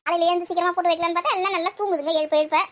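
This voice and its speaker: A woman's voice: very high-pitched, steady tone, a bit bright. A woman, playing a village housewife who nags and scolds in everyday family banter. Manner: scolding, nagging, quick back-and-forth.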